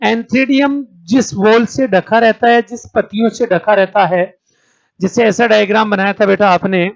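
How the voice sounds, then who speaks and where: A male teacher runs an exam-prep class in a high, light voice, posing each question to his students and answering it himself. He calls them "beta" and keeps checking in with them. The sound is dull and lo-fi, like a streamed lecture. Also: fairly even intonation, normal speed, creaky. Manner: calls students 'beta', checks understanding with 'theek hai'.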